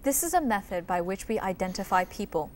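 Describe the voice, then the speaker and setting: A woman's voice: mid-range voice, lively intonation, a little fast. A woman hosting a quiz show, addressing contestants and explaining answers.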